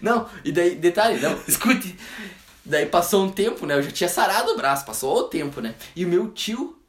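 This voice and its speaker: A man telling a childhood story in casual chat, animated and laughing often. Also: high voice, brisk. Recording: echoey room.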